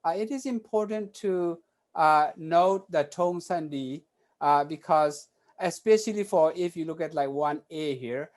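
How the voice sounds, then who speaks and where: A middle-aged man presenting at an academic conference, speaking very slowly. He stops often, filling the gaps with hesitant "uh" sounds as he walks through his slides. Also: on the high side. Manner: halting, many filler sounds.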